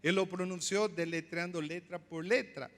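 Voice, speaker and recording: A male pastor preaching a sermon, explaining slowly, repeating words and asking the congregation questions. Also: sits high, fairly even intonation, in a large hall. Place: church.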